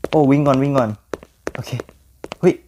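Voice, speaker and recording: A young man giving jumpy, excitable commentary on a horror game, often repeating words when startled. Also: moderate pace, a little hiss or hum. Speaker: gaming YouTuber.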